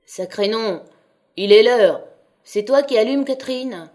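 A woman putting on a rough, bellowing miner dad from an old novel audiobook, half asleep and slurring as he barks at his daughter. The voice is pushed loud and a bit higher than the narration, gruff and impatient. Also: unhurried, lightly acted. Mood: angry scolding. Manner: loud, slurred, groggy scolding. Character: gruff, scolding middle-aged miner father.

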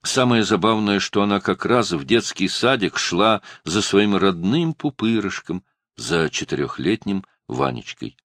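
A man reads a novel aloud in an even storytelling manner. His voice is very low and deep. The recording is dry and close, with no room echo. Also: a little slow. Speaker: audiobook narrator. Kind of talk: scripted narration.

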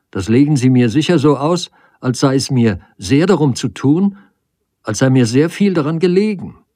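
A man reading the part of a proud young woman who speaks in a sharp, reproachful way in a storybook reading. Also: slightly rough, dry recording, clean studio sound. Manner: sharp, reproachful, rising pitch.

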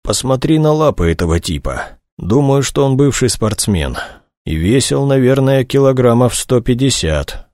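Male narrator doing a hoarse, wheezing detective, raised pitch, dry close sound, audiobook. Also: expressive, moderate pace, a little mellow, no room sound, close to an everyday voice. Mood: wry. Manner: rasping, partly whispered lines.

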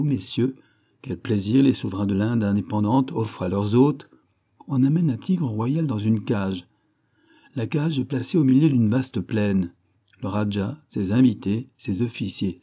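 A man's voice: medium pitch, warm tone. A man reading an audiobook, voicing a pompous, lecturing middle-aged animal dealer who declaims in grand, wordy phrases. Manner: grandiloquent, declamatory, fond of rare words.

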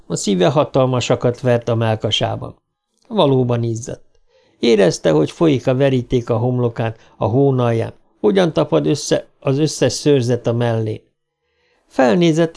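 A man reading an audiobook as its narrator, with steady storytelling. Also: mid-range voice, creaky. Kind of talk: scripted narration.

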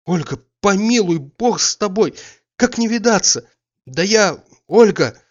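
A man voicing an anxious, excitable nobleman who pleads in a rising, agitated voice. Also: mid-range voice, a little slow, lo-fi sound, lightly acted. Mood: pleading.

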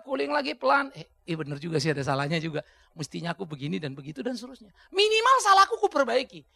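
A male pastor preaching a topical sermon in a colloquial, animated way, breaking into sudden emphatic shouts. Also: very high-pitched, creaky, dry recording.

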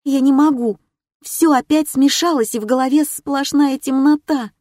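Frightened young girl, anxious and faltering, pitched up; a woman reads her, audiobook. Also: moderate pace, mellow, no room sound, studio quality, natural voice. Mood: panicked. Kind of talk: audiobook character voice.

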